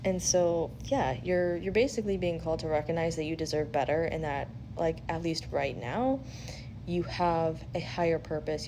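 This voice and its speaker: The background is noisy, and her voice sits low. As a tarot-style spiritual reader and host, this woman gives a casual intuitive reading full of sweary, blunt chatter, animatedly performing quotes as she advises.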